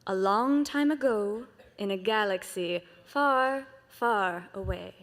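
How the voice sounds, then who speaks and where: A woman hosting a convention masquerade on stage, announcing entries and gently teasing her co-host. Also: medium pitch, slow, background noise. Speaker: masquerade emcee. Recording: echoey convention hall.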